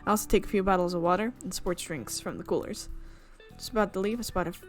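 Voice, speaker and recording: Here a woman reads narration from a visual novel at a quick clip in a mid-range voice, hosting a gaming video with faint music underneath. Slips come often, and she pauses to set each one right.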